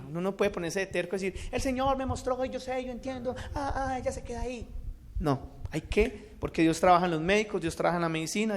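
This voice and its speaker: A man gives an earnest religious testimony, shifting between loud and hushed. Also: high voice. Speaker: speaker giving a testimony.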